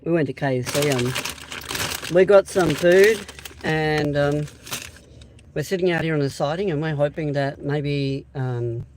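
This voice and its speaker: An Australian man hosting a casual live-stream chat outdoors beside a railway siding, rambling and hesitant with lots of pauses and restarts. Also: a little high, slight background noise, rough recording. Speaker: channel host.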